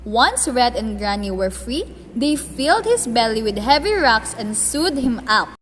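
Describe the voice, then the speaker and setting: In a scripted radio play, a woman storyteller narrates a fairy tale in an expressive, very animated, unhurried way. Her voice is a little high and somewhat bright, heard with long reverb and faint noise.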